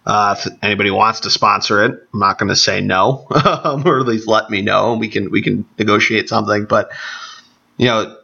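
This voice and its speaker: A man hosts a sports podcast alone in a casual, chatty way. His voice is on the low side and gravelly from allergies, with a bright, forceful edge. The recording is somewhat dull and lo-fi. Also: fairly even intonation, normal speed. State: congested with allergies. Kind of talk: casual solo podcast talk. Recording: dull, band-limited podcast audio.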